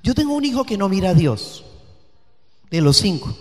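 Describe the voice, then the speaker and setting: A woman pastor preaches with fervor, dropping to near-whispers and then building to loud, emphatic peaks. Her voice rings out with the long reverb of a church hall. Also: mid-range voice, sing-song, normal speed. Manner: passionate, swinging from hushed to loud and emphatic. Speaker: guest pastor. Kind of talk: sermon.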